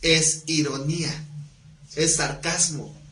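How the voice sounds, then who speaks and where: A man's voice: fairly high pitch, steady tone, slow pace, a bit bright. A man teaching an exegetical Bible class. He talks colloquially, jokes, and keeps asking the class questions. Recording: echoey room with faint background noise.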